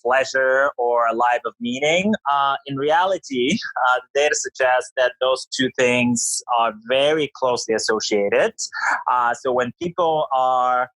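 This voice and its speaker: A man's voice: medium pitch, measured pace, fairly bright tone, dry recording, rough recording. A middle-aged man from Bulgaria speaks as a podcast guest. He explains research in a thoughtful, rambling way, full of fillers. The recording is dry and close, with no room sound. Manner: thoughtful, many fillers like uh and you know. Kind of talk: conversational podcast interview.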